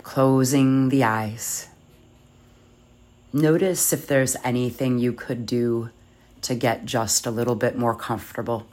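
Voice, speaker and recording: A meditation guide leading yoga nidra in a soft, soothing, measured voice with long pauses. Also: medium pitch, fairly even intonation.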